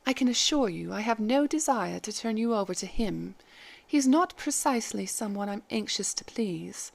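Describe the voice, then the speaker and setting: A woman reading the part of a calm, kindly head maid who speaks gently and formally. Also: mid-range voice, brisk, gravelly. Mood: gentle.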